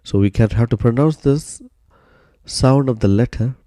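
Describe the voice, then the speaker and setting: A man explaining grammar step by step in a recorded lesson, patient and steady, often starting sentences with "so" and pausing on "uh.". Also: mid-range voice, dry recording, studio quality. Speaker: Arabic grammar teacher.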